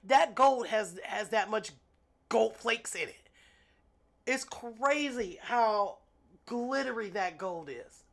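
A slightly high, gravelly and animated voice moves at a slow pace as this congested, sniffly nail artist vlogger unboxes nail gel at her indoor home desk. She chats casually, self-amused, calling her viewers "y'all."

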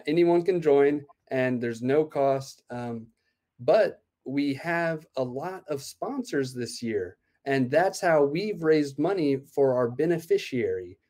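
This warm, mid-range voice belongs to a thirty-something event organizer speaking from home through his laptop webcam. In the video call interview he lays out plans cheerfully, with frequent "uh"s.

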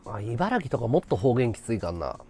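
Animated Japanese streamer, very lively pitch. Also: male voice, fairly quick, soft background music. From Chiba, Japan. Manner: rambling, animated, laughing at his own stories. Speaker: live streamer. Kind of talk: casual chat with viewers.

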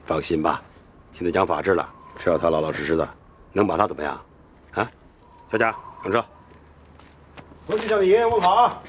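A stern police section chief. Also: male voice, low-pitched, very animated, a little fast, pauses often, a little hiss or hum. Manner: brusque, authoritative.

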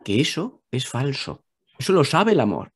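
A man with a Spain Spanish accent, a guest talking calmly about spiritual ideas, repeating phrases and asking rhetorical questions. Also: mid-range voice, moderate pace, husky. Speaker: guest speaker. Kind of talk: reflective spiritual talk.

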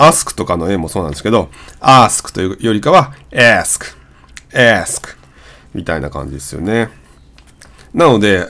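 A man whose first language is Japanese, casually teaching English pronunciation and drawing out vowel sounds as examples. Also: lowish voice. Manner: demonstrates vowel sounds, repeating and drawing them out. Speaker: channel host.

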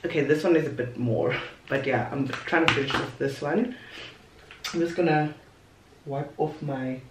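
This beauty vlogger speaks in a low voice at a moderate pace, chatting casually and playfully through a makeup tutorial at her bedroom vanity while applying makeup and adding asides. The young woman is picked up by a camera a little away on the desk, giving a distant, slightly off-mic sound with roomy echo and background noise.

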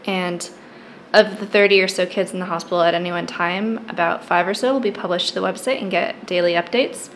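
Young american woman, slightly low voice, chatty and easy, lots of ums, faint hum behind. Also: fairly quick, low-quality recording. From United States. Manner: relaxed, with frequent ums. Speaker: charity kids coordinator. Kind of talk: casual explanatory talk.

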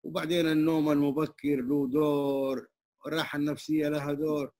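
A man's voice: a little high, level tone, a little fast, a little mellow. An older man with a Hijazi Arabic accent speaking in an open conversation at a community hall, humble and emphatic, with many religious phrases. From Saudi Arabia. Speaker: interviewee, traditional singer and muezzin.

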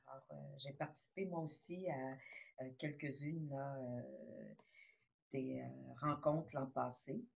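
A woman's voice: very deep voice, expressive, a little slow, creaky, dull audio. A woman, an educational consultant, introducing herself hesitantly on a video call. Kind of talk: self-introduction in a meeting.

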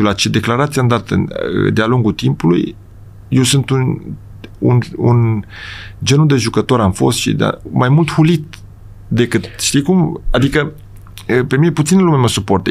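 Middle-aged man, gravelly creaky voice, football coach, casual podcast guest, emphatic, rambling, restarts sentences. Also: medium pitch, darkish tone. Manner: emphatic, rambling, frequent restarts and "știi?" check-ins. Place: studio.

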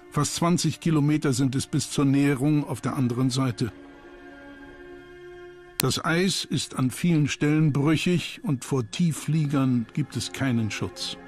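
Slow, grave male documentary narrator. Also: fairly high pitch. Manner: sober, grave, measured. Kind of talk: scripted history documentary narration. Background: background music.

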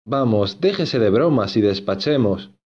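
A man's voice: on the low side, lively intonation, measured pace, darkish tone, slightly rough, highs cut off. A man voicing a shy blushing young maid. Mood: pleading. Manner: hesitant, pleading.

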